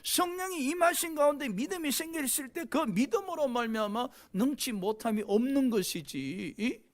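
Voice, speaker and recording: A pastor preaching a sermon with passion, often prompting the congregation with a questioning "eh?". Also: medium pitch. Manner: impassioned preaching, frequent rhetorical "eh?" prompts to the congregation.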